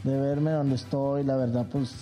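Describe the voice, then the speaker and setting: Male guest from León, Mexico; very dark tone, hesitant and shy, faint music bed. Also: mid-range voice, flat delivery, a little slow. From León, Guanajuato, Mexico. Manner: shy, hesitant, filler-heavy. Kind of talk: casual interview.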